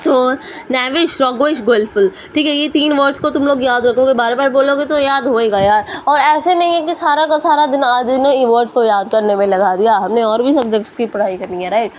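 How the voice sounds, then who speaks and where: A woman's voice: high-pitched, fairly quick, a little hiss or hum. A woman teacher giving a vocabulary lesson, repeating words over and over and mixing Hindi with English.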